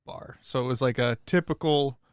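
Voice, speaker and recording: A man with an average-pitched voice chats on a podcast, rambling and hesitating as he searches for words. The recording is dry and close. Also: normal speed, clean tone, no echo. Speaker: podcast co-host. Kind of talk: casual chat.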